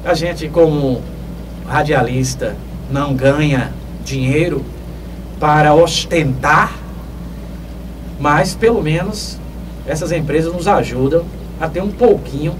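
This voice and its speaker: Man, lecturing radio host. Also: a little high. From Northeast Brazil. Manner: measured, lecturing, with emphatic rises. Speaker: radio host answering listener questions. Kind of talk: advice talk on radio. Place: small dark radio studio. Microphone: studio mic on boom, heard from a distance. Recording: distant mic with clear background noise.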